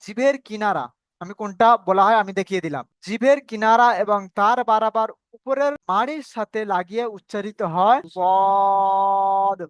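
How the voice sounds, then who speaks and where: A man teaching Quran recitation in an online class, patiently repeating rules and spelling out sounds slowly. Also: sits high, a bit bright, clean tone, no room sound. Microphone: video call.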